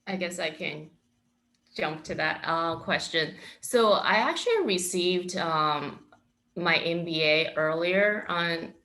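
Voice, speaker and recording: A man from China answering panel questions in an unhurried, hesitant way with many fillers. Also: a little high, pushed and bright. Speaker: panelist, MSx student.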